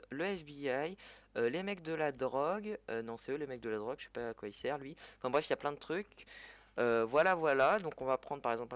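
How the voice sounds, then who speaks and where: A man giving a casual, chatty gameplay tutorial in French, often correcting himself as he goes. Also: mid-range voice. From French-speaking. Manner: chatty, self-correcting, fillers. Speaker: gaming tutorial creator.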